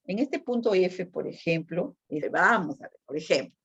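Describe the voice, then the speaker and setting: A woman's voice: fairly low pitch, lively intonation, normal speed, husky. A woman teaching a nursing class in a conversational lecture style, often checking in with her students through short tag questions. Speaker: nursing instructor. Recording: dull lo-fi recording.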